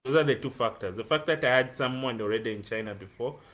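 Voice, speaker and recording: A man's voice: mid-range voice, fast talker, fairly bright tone. A man in his twenties from Uganda, a student guest talking earnestly about his life on a live-streamed video call, with frequent ums. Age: 20s. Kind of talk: casual interview on a live stream.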